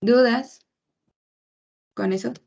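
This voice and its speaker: Young woman calmly explaining medical content. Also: a little high, vocal fry. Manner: measured, explanatory, with frequent fillers. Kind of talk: medical class presentation. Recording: muffled lo-fi recording.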